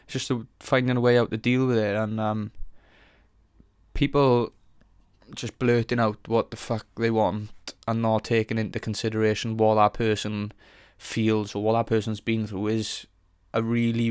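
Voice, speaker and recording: A man's voice: mid-range voice, smooth, no echo, studio quality. A young man hosting a casual solo podcast, rambling frankly with lots of swearing, fillers and restarts as he thinks aloud. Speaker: podcast host.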